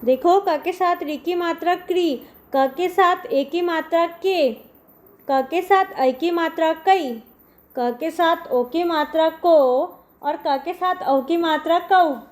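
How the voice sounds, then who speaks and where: Her voice is very high-pitched and slow as she teaches a primary school class. Addressing the children with a frequent "dekho," this Indian Hindi-accented teacher patiently spells out each sound in turn.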